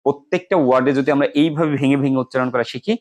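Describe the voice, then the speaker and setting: In a mid-range voice, a Bangladeshi-accented man gives students an English grammar lesson, explaining each step and repeating important words slowly.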